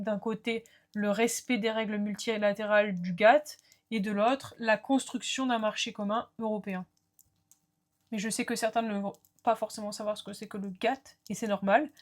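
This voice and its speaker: A woman giving a recorded law lecture, explaining terms clearly and speaking to students in short asides. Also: mid-range voice.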